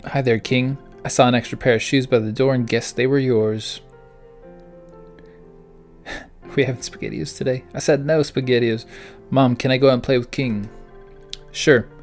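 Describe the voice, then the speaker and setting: A gaming channel host plays through a story game, reading its dialogue aloud in a plain voice between puzzled asides. His voice is mid-range and a little mellow.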